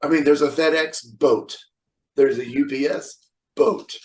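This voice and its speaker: A man's voice: on the high side, steady tone, unhurried, a little mellow, recorded from a distance, rough recording. A middle-aged man, a square dance caller, chatting in an interview in a blunt, joking, opinionated way. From California. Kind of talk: casual interview chat.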